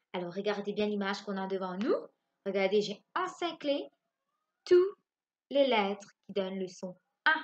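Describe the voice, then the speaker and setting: A woman teaching a phonics lesson to young children from home. She spells out letters slowly and keeps asking the class if they follow. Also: fairly high pitch, fairly bright tone, dull audio. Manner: slow, spelling out letters and asking checking questions. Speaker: primary school teacher.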